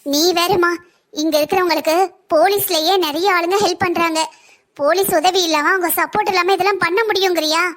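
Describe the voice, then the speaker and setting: Figure: weary trapped woman, cartoon voiced by a woman. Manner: hushed, gentle, resigned. Pitch: very high. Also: steady tone, brisk. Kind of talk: cartoon story voice acting.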